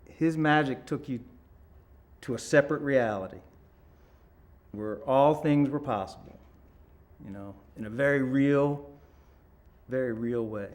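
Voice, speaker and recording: Man, average pitch, reflective interview talk. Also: measured pace, long pauses, a little mellow, a little hiss or hum.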